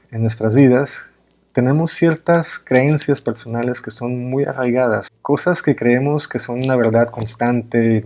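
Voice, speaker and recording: A man's voice: mid-range voice, vocal fry, dark tone. A man explaining ideas through everyday examples in a pre-recorded workshop lesson, often checking in with "verdad?". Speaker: writing workshop instructor.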